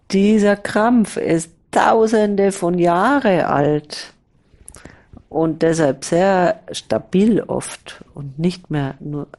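A woman speaking as a spiritual teacher in a slow, reflective dialogue, pausing often and talking in drawn-out fragments. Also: deep voice, a little mellow.

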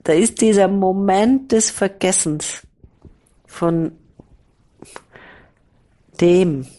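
A woman speaking as a spiritual teacher in a slow, reflective dialogue, pausing often and talking in drawn-out fragments. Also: mid-range voice, warm tone.

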